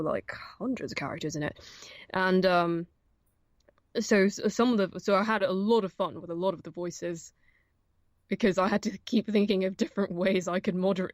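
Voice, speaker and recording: A woman's voice: fairly low pitch, a little mellow, no echo, muffled recording. A young woman, an audiobook narrator, chatting casually as an interview guest, with many fillers and restarts. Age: young adult.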